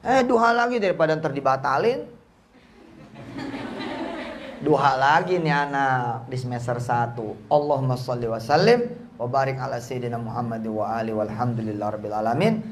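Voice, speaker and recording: A man preaching a lively, joking sermon at a boarding school gathering, telling stories in casual speech. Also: a little fast, a little hiss or hum. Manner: jokey, acts out quoted voices with big pitch jumps.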